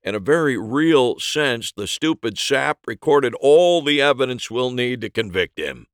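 Mystery audiobook cop played by a male narrator: terse, grudging, deliberate, gravelly. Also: mid-range voice, expressive, no room sound, clean studio sound, voice pushed up. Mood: firm, matter-of-fact.

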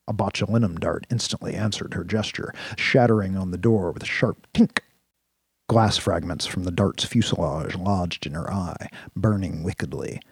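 A man narrating a sci-fi action story in a steady, vivid storytelling manner. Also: low voice, gravelly, breathy edge, dry recording, studio quality. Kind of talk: audiobook-style story narration.

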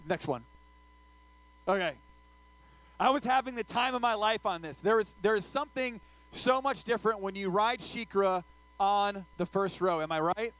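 High-voiced, animated man. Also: low-quality recording. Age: adult, older than his teen listeners. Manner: animated, checks in with listeners after nearly every sentence; tells funny personal stories, acting out his own screaming. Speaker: youth pastor. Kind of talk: casual youth sermon.

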